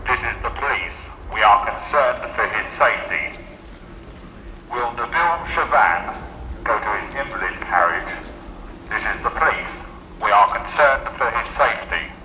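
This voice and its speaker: A man's voice: fairly low pitch, expressive, measured pace, long pauses, background noise. An actor playing a male police officer calling out formal, repeated announcements through a megaphone, heard from a distance.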